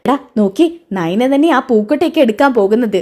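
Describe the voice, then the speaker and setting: A woman's voice: on the high side, animated, a little fast, a little mellow, close to an everyday voice. A woman voicing a scheming, spiteful middle-aged mother who sneers and plots. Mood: hushed. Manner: sneering, conspiratorial.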